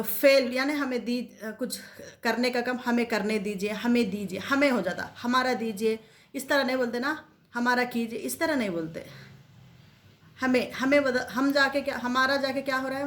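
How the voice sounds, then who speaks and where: A woman's voice: on the high side, fairly bright tone. A woman teacher walks learners through Arabic verb endings. She drills each form several times and asks rhetorical questions as she explains. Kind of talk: explanatory lesson.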